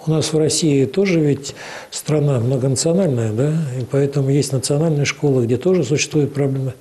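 An official from a cultural organization answers interview questions in a soft, dark-toned, medium-pitched voice. He explains things steadily and in a measured way, often pausing on drawn-out hesitations.

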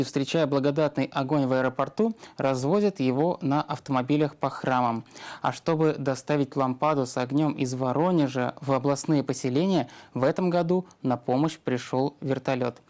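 A man's voice: medium pitch, darkish tone. A man reading scripted news as a programme presenter.

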